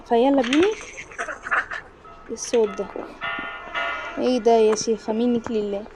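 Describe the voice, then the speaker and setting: A young woman with an Egyptian accent giving lively horror game commentary, talking to the game and her viewers. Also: fairly high pitch, moderate pace, low-quality recording. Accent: Egyptian Arabic. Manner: excitable, talks to the game and to viewers. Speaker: gaming YouTuber. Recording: music playing behind the voice.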